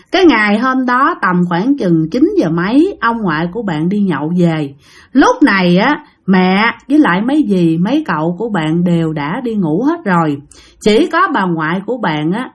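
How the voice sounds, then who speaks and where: A woman narrating a ghost story in a chatty way, addressing her listeners directly. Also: mid-range voice.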